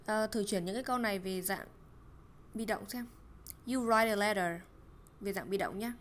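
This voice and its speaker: A woman's voice: mid-range voice, moderate pace. Woman teacher going over english words, repeats them, faint hiss behind. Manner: explains words, repeats pronunciation, mutters soft asides. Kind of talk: casual language lesson.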